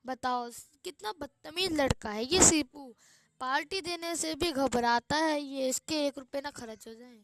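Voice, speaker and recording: A woman's voice: high-pitched, a little slow. A woman playing a strict, short-tempered male schoolteacher in a comic school skit, scolding and exasperated. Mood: grumbling. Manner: scolding, exasperated, threatens with a stick.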